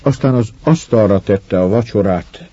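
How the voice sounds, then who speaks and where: A man narrating an audiobook in a measured storytelling manner. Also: fairly low pitch, dark tone, husky, muffled recording. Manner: measured storyteller, voices the characters. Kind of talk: audiobook reading of a novel.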